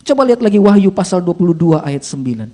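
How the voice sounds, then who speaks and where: Brief: high, husky male pastor, lively storytelling sermon. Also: fast talker. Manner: animated, addresses the congregation as "saudara".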